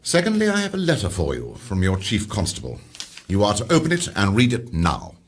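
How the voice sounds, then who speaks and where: A man's voice: lowish voice, wildly swooping pitch, brisk, a little hiss or hum. An actor playing a stern, pompous senior male detective in a radio drama, curt and commanding. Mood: haughty. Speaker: detective chief superintendent.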